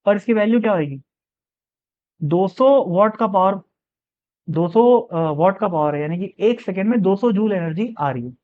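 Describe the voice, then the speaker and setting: Man, physics teacher, high voice, smooth and clear, lo-fi audio, casual step-by-step explaining. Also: expressive. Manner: explains step by step, reads question slowly in English, asks and answers himself. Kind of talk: exam problem walkthrough.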